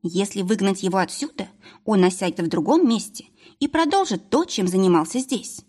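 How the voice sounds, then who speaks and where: A woman's voice: medium pitch, animated, moderate pace, darkish tone, slightly rough. A woman voicing a sly, sardonic companion with a mock-casual manner, in an audiobook. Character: sardonic companion urging harsher punishment. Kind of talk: audiobook character voice.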